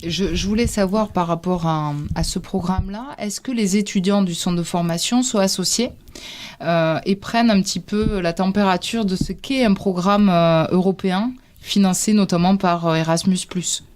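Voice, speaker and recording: A woman's voice: medium pitch, moderate pace, a little mellow. A woman interviewing on radio as host, rephrasing as she goes in a hesitant manner. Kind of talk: semi-prepared radio interview.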